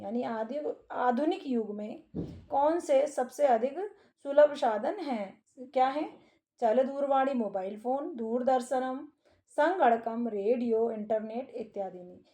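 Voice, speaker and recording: In an exam paper walkthrough, a patient woman instructor reads every line of a Sanskrit test aloud and then explains it. Her fairly high voice is soft and mellow, with nothing sharp in it.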